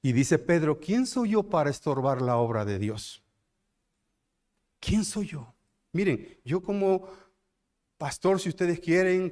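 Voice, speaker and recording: A middle-aged pastor with a Mexican Spanish accent preaches a sermon, repeating phrases and slowing down to build to loud climaxes. His voice is on the high side.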